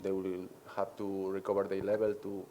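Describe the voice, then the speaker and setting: With slight background noise behind him, a head coach from Argentina answers the press in halting English, pausing often; he is a native Spanish speaker. He has a deep, warm voice and speaks in a monotone.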